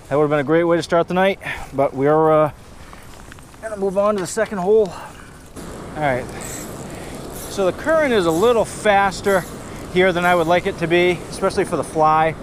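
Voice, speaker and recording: A man with a New England accent giving upbeat play-by-play of his fishing on a river, filmed on a head-mounted camera. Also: fairly high pitch. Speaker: fishing vlogger. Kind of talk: casual outdoor narration to camera. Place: outdoors on a rocky riverbank. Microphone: head-mounted action camera. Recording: faint river and wind noise.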